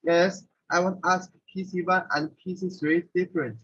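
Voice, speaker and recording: A male student asking a question over an online call whose audio keeps cutting in and out. He speaks haltingly and repeats himself. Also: high-pitched, level tone, fairly bright tone, breathy edge. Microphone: video call. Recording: muffled, distant, breaking-up call audio.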